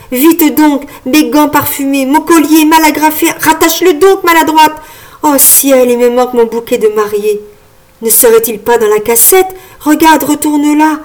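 Woman voicing a shrill vain frog fairy. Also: a little mellow, close to an everyday voice. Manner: shrill, preening, imperious. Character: vain enchanted frog fairy, female, grandiose.

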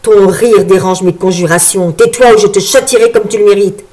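A woman reads a storybook part as a shrill, imperious, preening frog fairy who is vain and grandiose, and here the enchanted creature is furious. Her natural voice moves a little slowly with fairly even intonation.

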